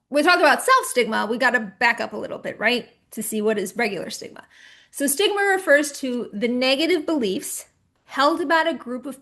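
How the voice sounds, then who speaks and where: Female presenter, fairly high voice, warm-conversational workshop delivery on a computer mic. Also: vocal fry. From California. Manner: conversational, reassuring, checks in with listeners. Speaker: psychotherapist and author giving a talk. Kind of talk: online presentation to a support group.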